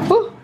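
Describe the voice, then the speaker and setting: A woman vlogging her daily life, chatty and laughing often, with high squeals when she gets excited. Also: lo-fi sound. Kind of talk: casual daily-life vlog. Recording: noisy handheld camera recording.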